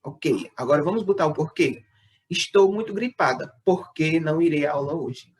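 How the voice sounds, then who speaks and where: In a recorded sixth-grade lesson, a male schoolteacher explains patiently, often checking in with students and slowing down as he reads out his example sentences. His voice is animated and a little high.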